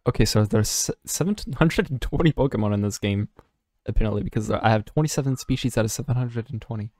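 A man's voice: on the low side, fast talker, no echo, clean studio sound. A young man hosting a let's play, chatting casually and jokily over the game and reading its lines aloud. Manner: animated, jokey, reads game lines aloud. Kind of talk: casual gameplay commentary.

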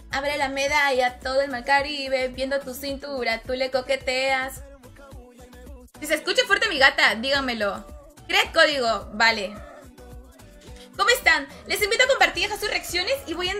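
Woman game streamer, high and bright, chatty and teasing, light music under her voice. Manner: chatty, teasing, calls viewers "hermano". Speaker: gaming livestreamer. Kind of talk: casual live-stream chat with viewers. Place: home room with her cat nearby.

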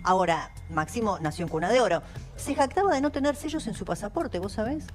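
A woman's voice: mid-range voice, expressive, fast talker, a little mellow, faint music behind. A woman with a Rioplatense Argentine accent speaking on a political panel in an ironic, critical tone. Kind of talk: panel debate.

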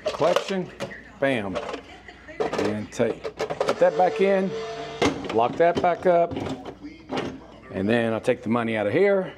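A man's voice: mid-range voice, sing-song, slow pace, pauses often, over music. A man casually demonstrating a task for a vlog in an upbeat way inside a laundromat. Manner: upbeat, punctuates steps with "bam". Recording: clear background noise.

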